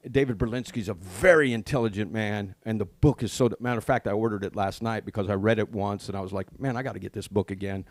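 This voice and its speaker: A man's voice: on the low side, quick pace, hardly any pauses, no echo. A middle-aged man co-hosting a podcast in casual chat, telling stories earnestly about his faith. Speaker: podcast co-host.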